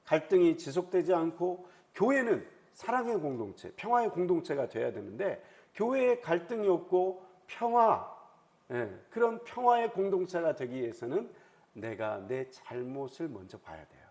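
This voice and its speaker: Animated high-voiced male pastor preaching. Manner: animated, acts out quoted speech. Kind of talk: early morning prayer sermon.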